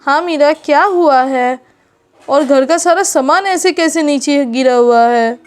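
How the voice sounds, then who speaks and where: Woman playing a loud elderly family patriarch in a doll story, slow delivery. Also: high-pitched. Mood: commanding. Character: older father-in-law, head of the family.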